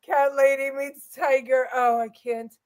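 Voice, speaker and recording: A high-pitched woman co-hosts a casual talk show, and she talks at an unhurried pace. She laughs constantly and breaks into shrieking reactions. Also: flat delivery. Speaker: co-host, comedian.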